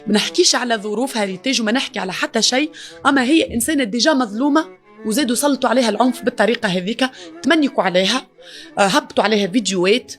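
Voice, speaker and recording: A woman's voice: a little high, rapid-fire, faint music behind. A woman with a Tunisian accent, speaking as a mother in an emotional interview, distraught and pleading. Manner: distraught, pleading, grief-stricken. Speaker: mother of the victim.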